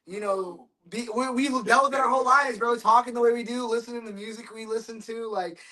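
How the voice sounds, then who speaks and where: A man's voice: very high-pitched, fairly even intonation, fairly quick, bright, forceful tone. A man in a casual interview, joking, swearing and laughing often as a band guest. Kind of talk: casual chat.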